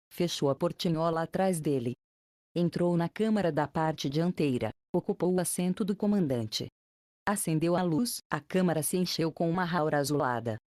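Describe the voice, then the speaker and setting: A woman narrating an ancient epic in low, mellow tones. She reads in a measured, formal manner, phrase by phrase, and the recording is dry and close. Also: no echo. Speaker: audiobook narrator.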